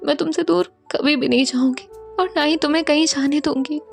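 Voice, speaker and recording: A woman voicing a tender young woman who soothes her lover in a soft, hushed, half-whispered voice. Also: high-pitched, fairly even intonation, a little slow, vocal fry, faint music behind, voice pushed up. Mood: soft soothing.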